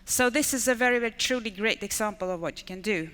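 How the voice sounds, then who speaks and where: A Swedish woman in her fifties, an education manager and conference speaker, gives an enthusiastic talk in English, her second language, stacking repeated intensifiers like "really, really." Her mid-range voice is fast and fairly bright, echoing through a large conference hall with long reverberant decay.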